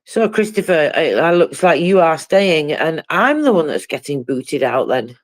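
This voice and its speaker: A woman with a croaky, hoarse voice, co-hosting a casual live discussion. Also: deep voice, sing-song, normal speed, no echo. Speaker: co-host.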